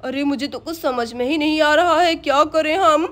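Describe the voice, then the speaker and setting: A gentle, worried village father, played by a woman in a cartoon story. His voice sits high and he keeps reassuring his family in a soft, soothing way. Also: normal speed. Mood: flustered. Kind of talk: Hindi cartoon story voice acting.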